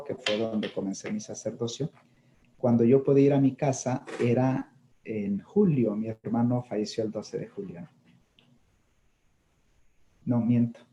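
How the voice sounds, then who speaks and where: Middle-aged male priest, very warm dark timbre; reflective conversational homily. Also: mid-range voice. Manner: reflective, often checks in with listeners with tag questions. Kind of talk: conversational talk on grief.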